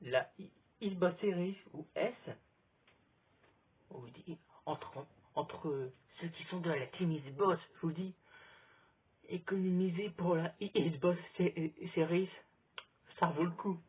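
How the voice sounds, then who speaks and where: Casual and rambling, a man vlogs outside in sunlight, filming on his phone and chatting through recommendations. He takes it slowly in a high-pitched, breathy-edged voice, recorded with a thin phone-camera sound.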